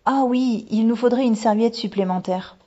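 A woman doing a bouncy excited little girl. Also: fairly high pitch, normal speed, pitched above the performer's own voice, natural voice. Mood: eager. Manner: bouncy, eager, exclaiming. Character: excited young Japanese girl traveler. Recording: dull lo-fi recording.

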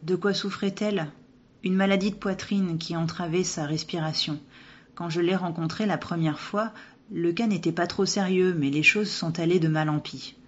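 A woman voicing the ghost of a young male doctor who tells his past in a calm, gentle way. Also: fairly low pitch, normal speed, slightly rough. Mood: recounting. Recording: dull lo-fi recording.

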